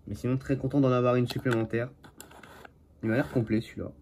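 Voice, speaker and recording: A man's voice: mid-range voice, level tone, fast talker, darkish tone, a little hiss or hum. A man from Normandy chatting casually as he shows his finds from a flea market, correcting himself often and dropping jokey asides. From Normandy, France. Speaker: toy car collector. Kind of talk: casual show-and-tell commentary.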